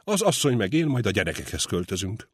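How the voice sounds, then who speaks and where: Male reader doing a gruff, insistent old butcher, husky and dry. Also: lowish voice, sing-song, no echo. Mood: stubborn. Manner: muttering, insistent. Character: grieving older male butcher, stubborn and gruff. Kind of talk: audiobook character reading.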